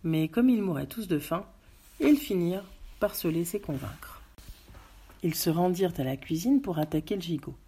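A woman reading a story aloud with calm, steady narration. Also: lowish voice, moderate pace, husky. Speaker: reader. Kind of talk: audiobook narration.

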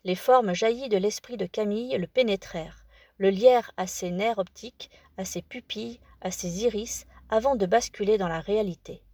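A woman narrating an audiobook in a measured, calm storytelling manner. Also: mid-range voice, no echo.

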